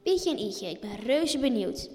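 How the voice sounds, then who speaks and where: A woman voicing a kind, motherly mare in a children's story, gentle and reassuring. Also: a little high, sing-song, moderate pace, big-room sound.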